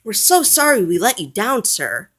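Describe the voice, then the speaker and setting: A woman's voice: medium pitch, very animated, normal speed, a bit bright, pitched above the performer's own voice. A woman voicing an apologetic young male firefighter from a toy storybook.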